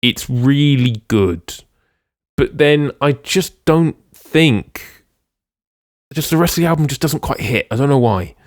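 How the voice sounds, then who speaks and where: A man's voice: medium pitch, animated, measured pace, no echo, clean studio sound. A man co-hosting a casual music podcast, rambling with many ums and restarts. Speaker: podcast co-host.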